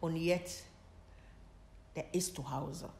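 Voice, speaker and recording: A middle-aged woman from Ghana speaks in halting, broken German, pausing often and reaching for words. Her voice sits slightly low, and the recording is roomy, with a faint hiss behind it. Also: steady tone, gravelly, a little mellow. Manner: halting, broken German with many pauses and fillers. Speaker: interviewee, mother of the host. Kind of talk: personal story told in conversation. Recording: roomy echo with faint noise.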